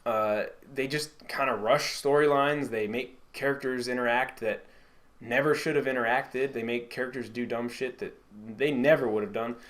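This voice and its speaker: A man co-hosting a casual podcast chat, rambling and swearing freely, his sentences often trailing off quietly. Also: medium pitch, fairly even intonation, moderate pace. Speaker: podcast co-host.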